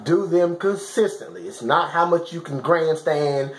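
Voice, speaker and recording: With a fairly high voice and an unhurried delivery, this man offers casual, motivational workout tips to camera. He repeats himself for emphasis and keeps checking that people understand, all in colloquial language, and the recording has a roomy echo.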